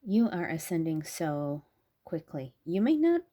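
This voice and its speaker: A woman giving an intuitive tarot reading, earnest and effusive, often halting with ums and breaking into laughter. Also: on the low side, big pitch swings, mellow. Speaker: tarot reader.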